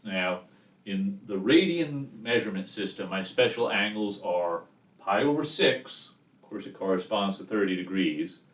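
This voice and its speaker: Low-voiced male math teacher, echoey room. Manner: casual, step-by-step explaining with check-in questions. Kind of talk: chalkboard trigonometry lesson. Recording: echoey room, distant mic, background noise. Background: chalk scratching and clicks.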